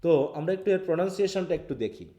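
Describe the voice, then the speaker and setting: A man's voice: sits high, animated, very fast, dark tone, echoey room. A man with a Bangladeshi accent teaching a live linguistics class, explaining step by step and often asking his students questions. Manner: explains step by step, mixing English terms, asks students questions. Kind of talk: live online class lecture.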